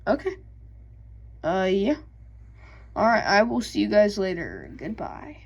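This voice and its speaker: A young woman vlogging about game lore, halting with many ums, reading passages and then explaining them in her own words. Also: medium pitch, creaky, highs cut off. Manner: hesitant, many ums and restarts. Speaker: gaming YouTuber. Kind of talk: casual vlog and lore reading.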